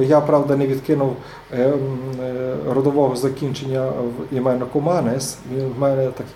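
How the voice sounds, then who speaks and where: A man's voice: medium pitch, mellow, a little hiss or hum. A man giving an academic seminar lecture, hesitant, with many filler sounds and restarts. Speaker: seminar speaker. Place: seminar room. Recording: echoey room.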